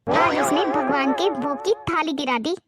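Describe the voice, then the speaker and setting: A woman's voice: high-pitched, moderate pace, a loud crowd. A woman playing a harsh, superstitious middle-aged mother-in-law who scolds in a bossy way, in a homemade moral-story drama. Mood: accusing. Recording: music clearly behind the voice.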